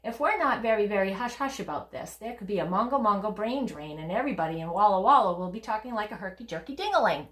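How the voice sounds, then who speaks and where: A brisk, sensible school nurse from a children's storybook, as a woman reads her rattles off rhyming patter. The room adds a clear echo. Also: mid-range voice, lively intonation, natural voice. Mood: urgent. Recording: roomy echo.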